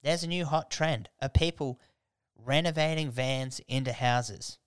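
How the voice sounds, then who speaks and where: A man's voice: medium pitch, a little slow, clear, resonant tone, no room sound, clean studio sound. An Australian man hosting a podcast in a casual comedic monologue, blokey and irreverent, with heavy swearing and slang. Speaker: podcast host.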